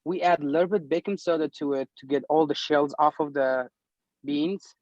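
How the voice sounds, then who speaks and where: A man from Turkey with a fairly high voice explains his dishes in an eager, earnest way. The sound is dry and a little dull. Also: normal speed, darkish tone, no room sound. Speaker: restaurant owner. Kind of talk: casual interview talk.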